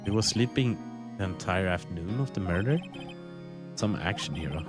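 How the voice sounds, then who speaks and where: A dry, quizzical young lawyer, as a man plays him, poking at every answer in a game fan dub. His pitch moves around lively as he questions. Music plays clearly behind him. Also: normal speed. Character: wry young male lawyer investigator.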